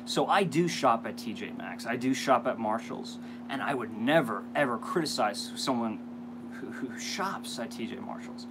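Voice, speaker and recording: A man hosts a casual unboxing vlog in a mid-pitched voice. He rambles and hesitates, adding self-deprecating asides. A clear hum of background noise sits behind him. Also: expressive, normal speed. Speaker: vlog host. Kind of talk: casual unboxing chat to viewers.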